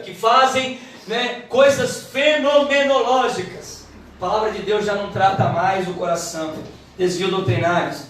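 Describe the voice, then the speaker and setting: A woman gives a church Bible lesson with quick, emphatic, preacherly delivery. Her voice comes from some way off the mic, and a big, ringing room echo surrounds every word, with faint background hiss underneath. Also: mid-range voice. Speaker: Bible teacher. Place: church hall. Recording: echoey hall, mic from far off.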